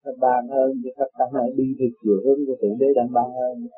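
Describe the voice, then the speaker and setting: A man giving a measured, didactic spiritual teaching. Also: mid-range voice, level tone, slightly rough. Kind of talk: religious teaching. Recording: phone-like sound, faint music.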